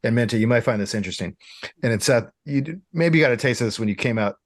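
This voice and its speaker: A middle-aged man co-hosting a podcast, animated and playful in casual chat, laughing often. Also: medium pitch, racing, dry recording, clean studio sound. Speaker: podcast co-host.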